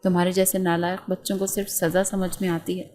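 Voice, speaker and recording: A woman's voice: on the low side, level tone, darkish tone, slight background noise, lightly acted. A woman voicing a cold, harsh middle-aged stepmother who speaks in curt commands. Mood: stern.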